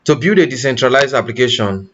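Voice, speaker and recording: A man teaching blockchain development in a live online class, pausing often and correcting himself, and checking in with "you understand?". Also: mid-range voice, lively intonation, fairly bright tone, muffled recording. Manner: halting, self-correcting, asks "you understand?". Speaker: tech instructor.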